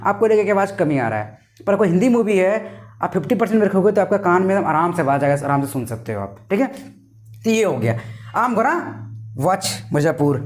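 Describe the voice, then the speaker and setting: A man's voice: high-pitched, darkish tone. A man teaching an English lesson online, explaining by asking and answering his own questions, with chatty joking asides.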